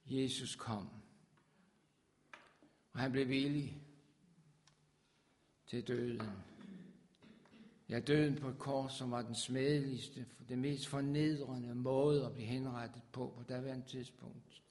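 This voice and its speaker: A man preaching a sermon with fervor, his voice swelling loud on scripture. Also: medium pitch, flat delivery, pauses often.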